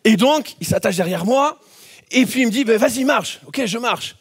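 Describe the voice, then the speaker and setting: Animated high-voiced male preacher. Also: normal speed, husky. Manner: animated storytelling, acts out scenes with shouts. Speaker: pastor. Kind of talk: sermon.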